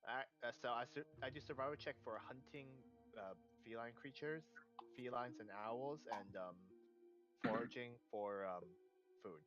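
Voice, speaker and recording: A man's voice: medium pitch, moderate pace, fairly bright tone, dull audio, soft background music. A man playing in a tabletop game over voice chat, talking casually and hesitantly with many fillers. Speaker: player. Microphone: online voice chat.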